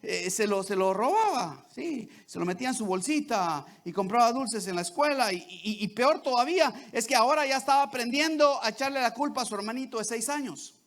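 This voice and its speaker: A man's voice: very high-pitched, expressive, brisk, hardly any pauses, a bit bright. A man preaching a sermon to his congregation, often checking in with "¿verdad?" and "¿sí?". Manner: repeats "¿verdad?" and "¿sí?" to the congregation, with many restarts.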